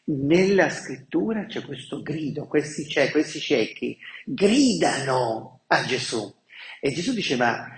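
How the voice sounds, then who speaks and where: Male priest, animated sermon voice, slow delivery, reverberant hall sound. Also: medium pitch. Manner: animated and conversational, acting out voices.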